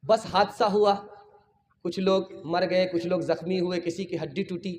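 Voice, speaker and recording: High-voiced male preacher telling stories. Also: steady tone, moderate pace, a little mellow, a little hiss or hum. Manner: storytelling, addresses the audience directly, with humor. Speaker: mufti preacher. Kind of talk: religious sermon with anecdotes.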